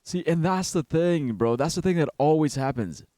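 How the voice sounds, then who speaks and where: A man's voice: a little high, expressive, normal speed, mellow, dry recording, studio quality. A young man streaming a game, rambling in casual commentary and swearing often. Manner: rambling, profane, says "bro" and "like" a lot.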